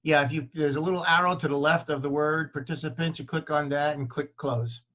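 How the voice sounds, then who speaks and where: A man's voice: a little high, fairly even intonation, fairly quick, fairly bright tone. A man hosting an online meeting, introducing the speaker with frequent fillers. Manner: reads the bio with many fillers. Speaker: meeting host. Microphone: video call. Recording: dull lo-fi video call audio.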